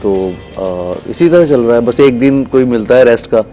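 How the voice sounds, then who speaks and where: Man, guest poet, slow thoughtful talk, dull tv audio, faint music behind. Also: mid-range voice, animated. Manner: reflective, unhurried, with soft hesitations. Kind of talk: conversational interview.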